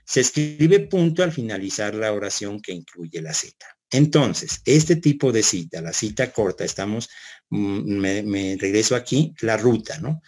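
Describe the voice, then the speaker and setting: A man's voice: fairly low pitch, a little mellow. Man explaining with many "¿no?" checks. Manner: explanatory, repeats words, frequent "¿no?" checks; addresses students with questions. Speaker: university lecturer. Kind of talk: online class lecture.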